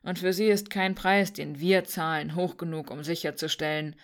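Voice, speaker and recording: A woman voicing a cynical young man who grew up in the slums, speaking dryly and calmly. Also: on the low side, normal speed, natural voice. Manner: dry, cynical.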